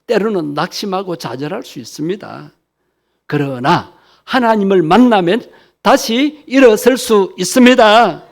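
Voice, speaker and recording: A man with a high voice delivers a sermon at a church service. He preaches in an earnest, exhortative way, speaking directly to the congregation and urging them on. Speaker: pastor.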